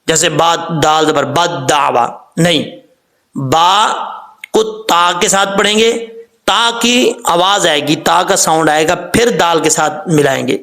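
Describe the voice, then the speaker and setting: A man with a Pakistani accent teaching Quran recitation, explaining quickly, then drawing out recited words and spellings slowly. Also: high voice, creaky, a bit bright.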